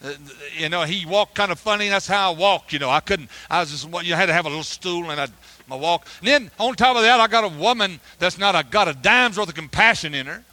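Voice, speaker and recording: A preacher with a high, bright, sharp voice tells a rambling, colloquial story from the pulpit. He breaks into sudden loud shouts, and his grammar stays homespun. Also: animated, quick pace. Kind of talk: folksy testimony sermon.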